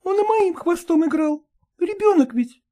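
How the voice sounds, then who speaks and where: A cheeky, coquettish female stray dog, chattering fast and sweetly. The voice sits very high and bounces with lively pitch. Its tone stays soft and mellow. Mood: coquettish teasing. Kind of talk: audiobook character voice.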